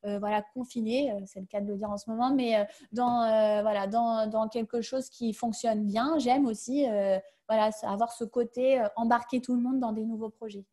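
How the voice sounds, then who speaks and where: A woman's voice: a little high, fairly even intonation, moderate pace, hardly any pauses, mellow. Hesitant woman on a video call. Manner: hesitant, many fillers and restarts. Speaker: webinar guest sharing her career change. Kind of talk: casual webinar answers.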